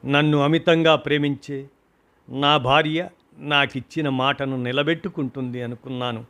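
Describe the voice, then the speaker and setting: A man's voice: mid-range voice, fairly even intonation, normal speed, fairly bright tone, lightly acted. A man reading a grieving husband's story of loss, emotional and rising to cries at the peaks, in a storybook reading. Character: grieving husband recalling his mother's death.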